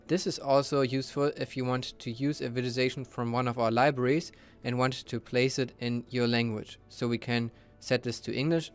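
A man narrating a screen-recorded software tutorial, walking through the steps in a steady, explanatory way. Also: medium pitch.

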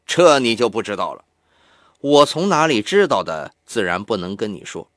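A man reading an audiobook, voicing a boastful, bound older male captive who talks low and scornfully. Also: big pitch swings, moderate pace, no echo, studio quality. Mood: smug.

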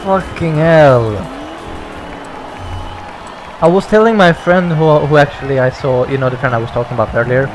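A young man hosting a racing game let's-play, excitable and stammering, laughing and swearing as he reacts. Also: medium pitch, quick pace, hardly any pauses, soft background music, some chatter behind. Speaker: gaming channel host.

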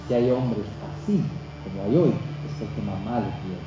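A man preaching a sermon. He swings between shouted climaxes and low, quiet passages and puts rhetorical questions to his congregation. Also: expressive, normal speed, very noisy. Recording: very echoey church hall with music behind.

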